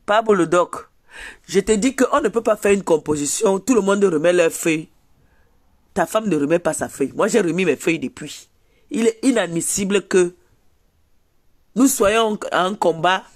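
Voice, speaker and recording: A high-voiced, slow-talking old woman, put on by a man, who groans about her aching bones and grumbles the same complaints again and again. She is quick to take offence, dwelling on how annoyed she is. A live comedy character bit. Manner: groaning, sighing, repetitive grumbling. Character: grumpy achy old woman, easily annoyed.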